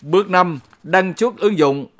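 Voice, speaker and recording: Male local-radio announcer, pitch a little high, formal measured read of scripted public notices.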